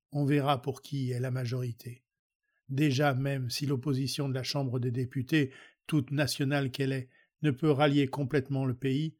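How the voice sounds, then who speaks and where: A man reading a historical speech aloud in a measured, declamatory way. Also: medium pitch, a little mellow. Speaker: reader.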